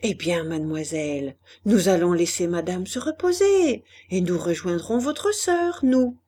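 A woman voicing a gentle, earnest young man in a storybook reading, with a soft, hesitant way of replying. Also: fairly low pitch, expressive, measured pace, pitched below the performer's own voice.

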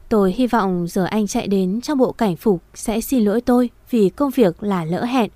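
Female storyteller, soft and emotional, mellow tone, dry close recording. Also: medium pitch, no room sound. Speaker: narrator. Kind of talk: first-person audio story reading.

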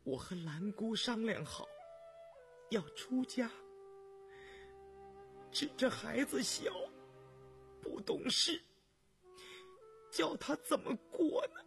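A man voicing a grieving middle-aged woman who pleads softly in a choked, tearful voice, pitched well above his own. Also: expressive, slow pace, pauses often, faint music behind.

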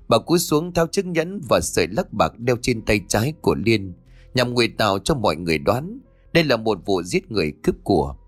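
A man narrating a horror story audiobook in an expressive, dramatic way. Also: medium pitch, dry recording. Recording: dry close voice with faint music.

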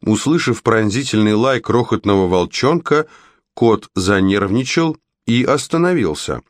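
Lively male audiobook narrator, dry close sound. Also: on the low side, a little slow, no room sound.

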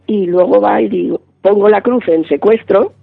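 A man with a high, gravelly voice and a breathy edge, speaking. He tells his story vividly as a radio interview guest and acts out what each person said. The sound is thin, dry and phone-like. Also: normal speed, no room sound. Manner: vivid, acts out quoted dialogue. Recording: band-limited dry phone-like line.

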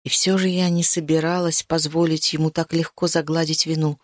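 Low-voiced woman narrating a novel. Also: flat delivery, fairly quick, no room sound, clean studio sound. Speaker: audiobook narrator. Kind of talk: first-person novel narration.

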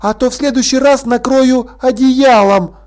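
A man's voice: extremely high pitch, a little slow, darkish tone, voice pushed up. A man voicing a stern, unflappable young governess in an audiobook, dry and firmly threatening. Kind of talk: audiobook character voice.

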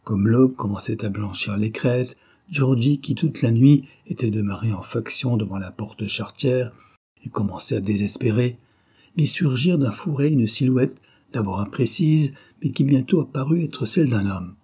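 A man narrating a novel as an audiobook, in a measured, dramatic storytelling manner. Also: mid-range voice, warm tone, slightly rough.

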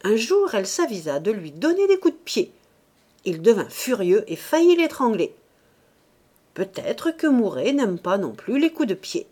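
A woman's voice: a little high, sing-song, normal speed, dark tone, voice pushed up. A woman voicing a retired male army captain telling an anecdote with emphasis. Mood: gossiping.

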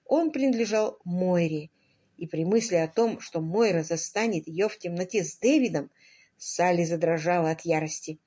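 A woman reading a romance novel aloud as an audiobook narrator, in expressive scripted narration. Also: lowish voice, normal speed.

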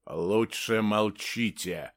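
A man's voice: fairly low pitch, no echo, studio quality, voice pushed down. A man playing a stern, commanding man. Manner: sharp and unyielding, slow and deliberate. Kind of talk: audiobook character voice.

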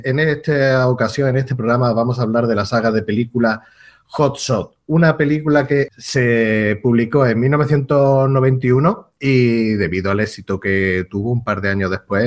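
A man hosting a film podcast in a casual presenting style. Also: medium pitch. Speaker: podcast host.

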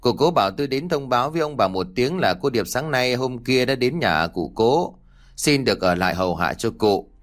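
A man's voice: medium pitch, lively intonation, normal speed, lightly acted. A man playing a sly village official's servant who speaks with false, fawning politeness. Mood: smarmy.

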